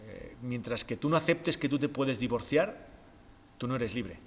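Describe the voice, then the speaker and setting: A man, explaining ideas step by step on a podcast in a calm, reflective way, often posing rhetorical questions. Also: medium pitch, normal speed, in a large hall. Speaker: podcast co-host, behavior expert.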